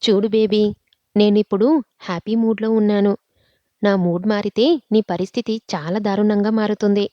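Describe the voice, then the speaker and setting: A woman's voice: mid-range voice, fairly even intonation, moderate pace, dry recording, dull audio, lightly acted. A woman voicing an arrogant rich young man who taunts and threatens. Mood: threatening.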